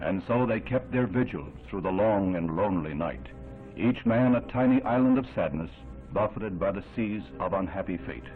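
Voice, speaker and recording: A man giving solemn, measured, formal narration in an old 1960s newsreel. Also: low voice, lively intonation. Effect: old 1960s newsreel sound. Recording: thin narrow-band old film audio with music underneath.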